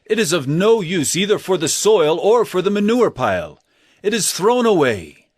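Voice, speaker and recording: An actor playing Jesus as an earnest teacher of parables in an audio drama, speaking in measured, emphatic oratory. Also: male voice, high-pitched, sing-song, darkish tone, dry recording, studio quality. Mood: solemn, challenging. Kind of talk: audio drama Bible acting.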